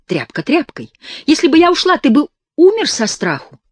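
A woman's voice: mid-range voice, sing-song, normal speed, no echo, clean studio sound, pitched above the performer's own voice. A woman reading an audiobook, voicing a cruel little girl with a vampire's hunger who taunts and commands. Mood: scornful. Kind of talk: audiobook character voice.

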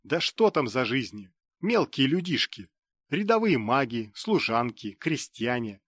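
A man's voice: medium pitch, very animated, measured pace, fairly bright tone, dry recording, studio quality. A man reading an audiobook voices an arrogant young nobleman who sneers and dismisses others. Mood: sneering defiance.

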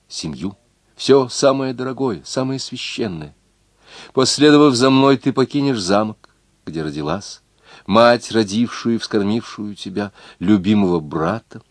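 A proud young noble turned outlaw, earnest and pleading, with a low, deep voice, as a male reader plays him. The reading sounds close and dry. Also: no room sound. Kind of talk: audiobook reading of a novel.

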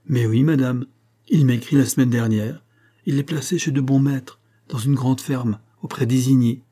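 A man's voice: medium pitch, fairly even intonation, moderate pace, mellow, lightly acted. A man voicing a young woman from the countryside, a polite and sensible maid in a storybook reading. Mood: demure. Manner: polite, short replies.

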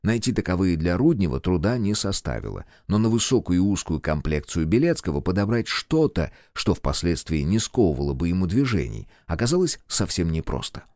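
A man narrating an audiobook in an expressive storytelling manner. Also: low-pitched, dry recording, clean studio sound.

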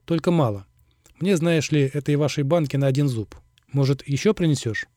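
A man's voice: on the high side, moderate pace, dark tone, no room sound, clean studio sound, natural voice. A man reading the part of a brash young man who teases with wry, mocking remarks. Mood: teasing. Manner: teasing, mildly mocking.

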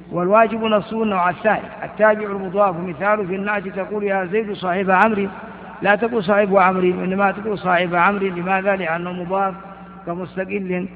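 A man's voice: sits high, slight background noise. An older man teaching Arabic grammar in a lecture, repeating examples and asking and answering his own questions. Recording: tinny, echoey old lecture recording.

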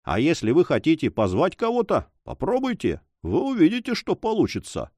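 A man's voice: a little high, huge pitch swings, brisk, dark tone, no echo, studio quality, voice pushed up. A man voicing a mocking, cool-headed sailor who talks in a sly, taunting, emphatic way in an audiobook. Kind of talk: audiobook character voice.

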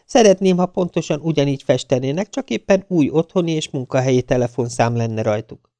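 Egy ravasz, fiatal női bűntárs , ahogy egy férfi felolvasó eljátssza egy hangoskönyvben, a saját hangjánál kissé magasabban. Gyorsan, üzletszerűen beszél, és a hang száraz, visszhangmentes. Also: male voice, on the high side, mellow, no echo, pitched above the performer's own voice, lightly acted. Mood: matter-of-fact. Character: scheming young woman accomplice. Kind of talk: audiobook character voice.

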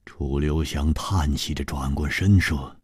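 A man narrating a martial arts novel as a storyteller, dramatic and sometimes sinking to a hush. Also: very deep voice, measured pace, breathy edge, no echo, studio quality. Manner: dramatic, sinking to hushed tones.

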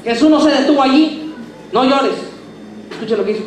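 A man preaches a lively sermon, dropping to soft asides and then rising to loud, emphatic points while he questions his listeners. He stands far from the mic in a very echoey church hall. Faint room ambience sits under his voice. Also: very high voice, fast, slight background noise.

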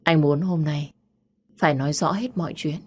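An insistent young man, read by a woman narrator pleads in a low, steady voice. He keeps asking rather than demanding. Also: moderate pace, husky. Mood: pleading.

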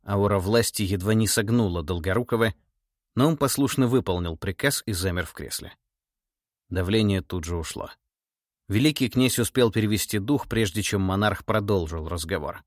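Low-voiced male audiobook narrator. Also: normal speed, no room sound, studio quality. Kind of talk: scripted narration.

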